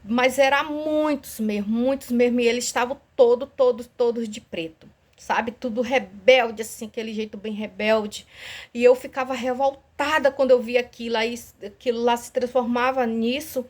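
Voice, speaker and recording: A woman's voice: fairly high pitch, steady tone, moderate pace, darkish tone. A woman telling her dream as an emotional spoken testimony, earnest and pleading, acting out her prayers aloud and anxious, her heart racing. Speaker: church member sharing a dream.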